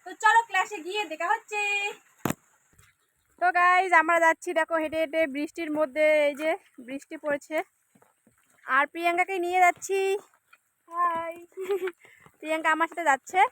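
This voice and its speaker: A woman's voice: very high-pitched, normal speed, pauses often, pushed and bright. A young adult woman, chatting casually to viewers in her vlog. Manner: chatty, addresses viewers directly. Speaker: vlogger. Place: outdoors in rain, then dance class.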